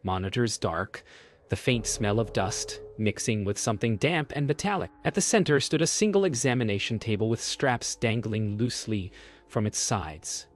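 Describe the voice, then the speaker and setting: A man reads a scripted first-person horror story as narrator, with measured, deliberate phrasing. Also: on the low side, lively intonation.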